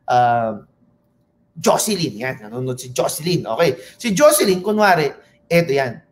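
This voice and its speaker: A man from the Philippines giving an animated sales pitch at a seminar, asking and answering his own questions, calling for applause and mixing in English phrases. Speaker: seminar presenter.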